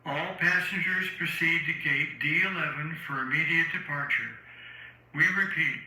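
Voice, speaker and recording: A formal airport gate announcer voiced by a man comes over the intercom with measured, repeated announcements. His tone is piercingly bright and a bit higher than usual for a man. The public-address sound rings with echo. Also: steady tone.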